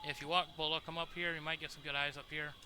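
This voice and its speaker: A man's voice: a little high, flat delivery, quick pace. A man chatting casually and tactically as a player in a military game squad, using radio jargon and some swearing. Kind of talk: casual tactical chat during online gameplay. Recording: noisy game voice chat.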